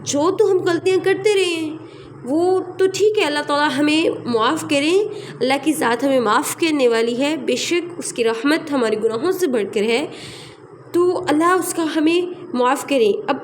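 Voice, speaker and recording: High-voiced woman teaching recitation. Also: animated, a little hiss or hum. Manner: explanatory, repeats sounds and examples slowly. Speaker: tajweed teacher. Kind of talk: online recitation lesson.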